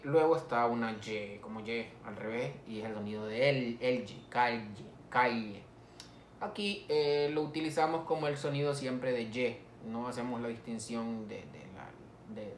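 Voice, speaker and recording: A male teacher, giving a slow phonetics lesson and repeating each example word for students to copy. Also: medium pitch, slight background noise. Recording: echoey room.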